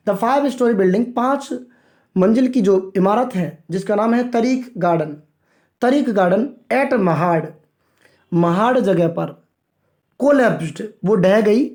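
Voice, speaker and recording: Mellow-voiced male English tutor. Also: high voice. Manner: reads English phrases slowly, then explains each in Hindi; repetitive, addresses viewers as friends. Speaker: English teacher. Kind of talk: line-by-line newspaper vocabulary lesson.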